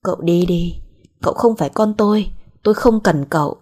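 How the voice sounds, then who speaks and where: A woman's voice: lowish voice, fairly quick, darkish tone, close to an everyday voice. A woman voicing a bitter middle-aged mother who talks coldly and reproachfully. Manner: cold, reproachful.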